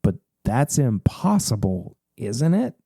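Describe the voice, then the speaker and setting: A man hosting a podcast, reading a gamebook aloud in a casual, animated way with occasional hesitations and jokes. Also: mid-range voice, takes it slowly, creaky, breathy edge, dry recording, clean studio sound. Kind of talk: casual read-aloud with banter.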